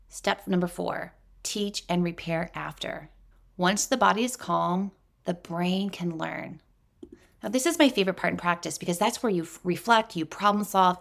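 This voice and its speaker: Low gravelly-voiced woman podcast host. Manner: steady, instructive, lists steps. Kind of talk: scripted podcast talk.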